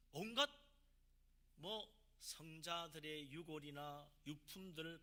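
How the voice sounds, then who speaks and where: A man's voice: high voice, bright, forceful tone. A man, a pastor from South Korea, preaching a sermon with emphatic delivery and rhetorical questions.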